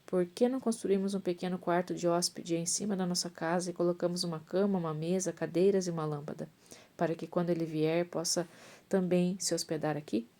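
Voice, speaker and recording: A woman's voice: on the low side, fairly even intonation, a little fast, warm tone, close to an everyday voice. A woman reading as an earnest, devout rich woman. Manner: reads with small restarts.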